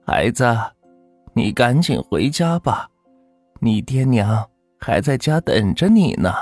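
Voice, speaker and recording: A man voicing a gentle old grandmother, over 60, who speaks slowly and softly. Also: medium pitch, very animated, dry recording, soft background music, pitched above the performer's own voice. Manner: slow, soft, drawn-out speech.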